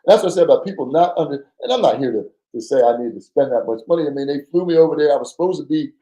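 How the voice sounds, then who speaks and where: A middle-aged man with a fairly high but warm, mellow voice tells stories as a podcast guest. He acts out every exchange and drops casual curses along the way. The room is echoey. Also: racing. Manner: animated, acts out quoted dialogue, swears casually. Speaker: podcast guest, former undercover agent. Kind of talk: casual storytelling interview.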